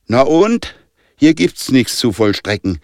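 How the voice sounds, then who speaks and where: A man voicing a brash boy who loudly eggs on his friends in a children's story. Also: medium pitch, big pitch swings, slow, no room sound, clean studio sound. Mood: cocky. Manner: loud, egging on. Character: brash boy, cheers others on.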